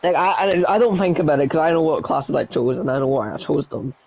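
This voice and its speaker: A man's voice: on the high side, expressive, fast, gravelly, a little mellow, dry recording. A man chatting casually, rambling with lots of "like", over dull lo-fi call audio. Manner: rambling, full of "like". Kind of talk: casual chat.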